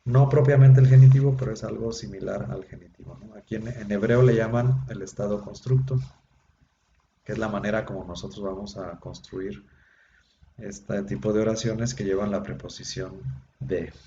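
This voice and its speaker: This online class lecture features a man explaining Biblical Hebrew with patience and plenty of filler words, heard through a video call. He speaks at a normal speed in a dark, low-leaning voice with fairly level intonation. Sound quality is dull and lo-fi, with room echo and a faint hum.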